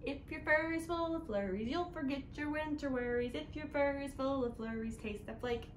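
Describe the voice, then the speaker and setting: Speaking in a high voice at a moderate pace, a young woman working as a children's librarian reads a picture book to kids, partly in sing-song, encouraging them to participate. She's on a couch in a small indoor room. The camera capturing her is a few feet away, and the echoey space adds some background noise.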